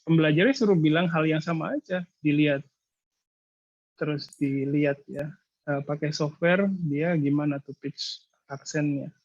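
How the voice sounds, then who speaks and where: A male lecturer giving casual thesis advice in an online seminar, explaining patiently with many hesitant filler pauses. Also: on the high side, darkish tone, no room sound, muffled recording. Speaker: university lecturer.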